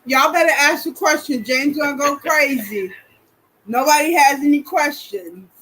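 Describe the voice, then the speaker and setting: A woman's voice: high voice, moderate pace, fairly bright tone, poor audio. A woman, chatting casually at home and chiming in with short remarks as co-host. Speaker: vlog co-host. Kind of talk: casual chat.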